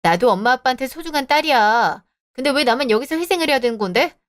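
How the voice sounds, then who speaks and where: A woman's voice: sits high, lively intonation, quick pace, fairly bright tone. A woman voicing a young married woman who talks back in cold, cutting retorts, in a scripted audio drama. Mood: aggrieved. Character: young married woman, sharp-tongued, defiant. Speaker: daughter-in-law.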